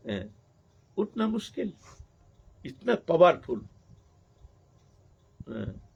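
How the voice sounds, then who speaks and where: A man, a sadhu, telling a devotional story in a sermon, with animated, repetitive phrasing, in a dull lo-fi recording. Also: a little high, gravelly, husky. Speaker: sadhu preacher.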